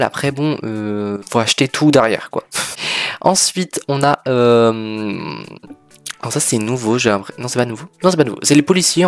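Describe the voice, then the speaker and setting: Chatty teenage boy reviewing toys. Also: mid-range voice. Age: teens. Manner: chatty, hesitant with many fillers, blunt opinions. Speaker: youth toy reviewer. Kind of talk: casual vlog commentary.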